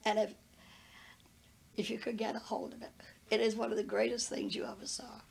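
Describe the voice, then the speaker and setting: Husky, gravelly older woman telling a story. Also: a little high, little pitch movement, a little fast, a little mellow. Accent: New England American. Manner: earnest, anecdotal, quotes others in retelling. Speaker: interviewee. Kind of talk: casual storytelling in an interview.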